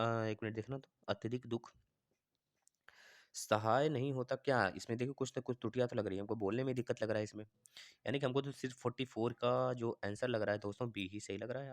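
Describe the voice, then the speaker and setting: Man, north Indian accent, grammar lesson, middle pitch, dry close sound, repeats sentences while thinking. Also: no room sound. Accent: Hindi-speaking north Indian. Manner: thinks aloud, repeats sentences slowly, asks viewers. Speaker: teacher. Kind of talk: exam-prep grammar lesson.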